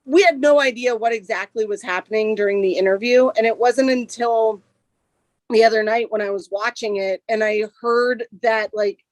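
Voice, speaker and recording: A woman's voice: fairly high pitch, fairly even intonation, normal speed, dry recording, low-quality recording. A woman guest on a podcast, a robot team co-captain, speaking earnestly and with feeling. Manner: emotional, earnest. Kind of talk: casual podcast chat.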